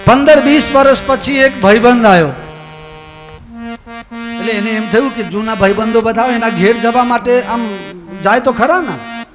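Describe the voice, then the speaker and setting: A man with a strikingly high voice tells a folksy devotional tale, speaking with a Gujarati accent. Long reverb from a large hall trails each phrase, and faint instrumental music plays behind him. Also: normal speed, pauses often. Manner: folksy, acts out characters' lines. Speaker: religious storyteller. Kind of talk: devotional katha storytelling.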